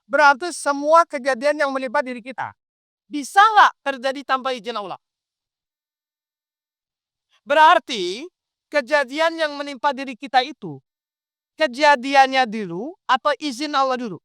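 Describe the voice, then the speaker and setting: A man's voice: very high-pitched, normal speed, pauses often, no room sound, studio quality. A man preaching an interactive sermon, asking his listeners question after question as he explains. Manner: animated, quizzes the audience with questions.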